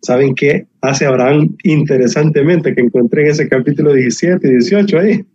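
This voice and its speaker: A man's voice: fairly high pitch, fairly quick, a little mellow, slightly rough, no room sound. Muffled man preaching a sermon. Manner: preaching with emphatic repetition and humor. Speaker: pastor.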